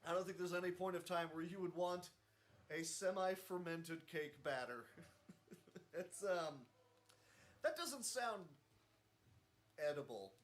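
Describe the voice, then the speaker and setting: A man's voice: high-pitched, expressive, unhurried, pauses often. A man giving loose, chuckling commentary while playing a game speedrun, rambling and poking fun at himself. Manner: rambling, chuckling, self-deprecating. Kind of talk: casual live game commentary.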